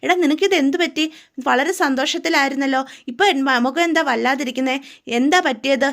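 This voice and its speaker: A woman's voice: sits high, brisk, a bit bright. A woman voicing a nagging, suspicious middle-aged mother who presses her son with question after question. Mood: prying, scolding. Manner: prying, scolding, insistent questions.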